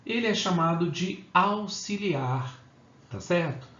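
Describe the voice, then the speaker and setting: A man's voice: high-pitched, lively intonation, a bit bright, roomy sound, highs cut off. A man teaching an English grammar lesson, explaining rules step by step and checking in often with the class. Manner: slow, repeats "tá?" and "ok?" to check understanding. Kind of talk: Portuguese-language grammar lesson.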